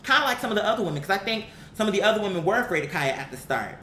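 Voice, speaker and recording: Very fast and sing-song, with a fairly bright tone, an online commentary host rants casually and bluntly to viewers, full of opinion, profanity, and emphatic repetition. Behind the voice there's a roomy echo and faint rumbling noise.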